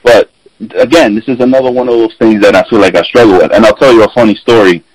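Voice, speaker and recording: A man's voice: lowish voice, fast talker, no room sound, poor audio. A man hosting a podcast in casual chat, telling stories and acting out the people he quotes, swearing freely. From Puerto Rican and Dominican heritage. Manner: animated storyteller, acts out quotes, swears freely. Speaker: podcast host. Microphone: remote call.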